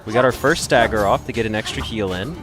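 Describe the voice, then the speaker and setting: A gaming video host with a lowish voice talks quickly through a let's play, game music in the background. He reacts and cries out as a boss keeps landing hits on him.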